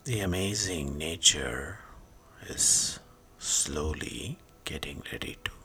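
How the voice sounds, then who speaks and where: Over background meditation music, a man narrates a guided sleep meditation in a rumbling low, animated voice. He soothes with brief, hushed phrases separated by long pauses, frequently trailing off into a breathy whisper.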